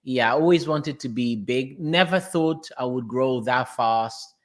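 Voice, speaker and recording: A young man from Portugal with a Portuguese accent, talking as an interview guest in a fast, self-correcting way with frequent restarts. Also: mid-range voice. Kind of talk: casual interview.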